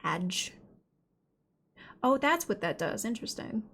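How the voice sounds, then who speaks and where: A woman's voice: medium pitch, big pitch swings, measured pace, fairly bright tone, husky. A woman giving casual livestream game commentary, thinking and reacting aloud in a playful, slangy way. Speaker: game streamer.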